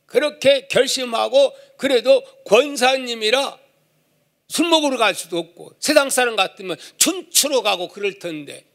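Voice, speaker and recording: A male pastor preaching in a storytelling way, with a high, swooping voice. He talks slowly and deliberately, with a gravelly edge, and keeps switching into character voices. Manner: animated, acts out the voices of the people in his story. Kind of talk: storytelling sermon.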